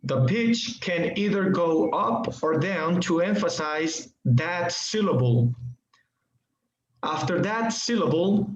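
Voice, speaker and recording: A man teaching an online English class, talking slowly with many fillers and frequent "okay" checks. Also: fairly high pitch. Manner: slow, hesitant, many fillers and okays. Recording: muffled echoey room, faint noise.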